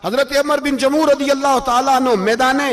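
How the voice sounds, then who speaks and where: A man's voice: very high-pitched, fairly even intonation, brisk, a bit bright, recorded from a distance. A man preaching an emotional sermon, telling stories with impassioned, rising emphasis.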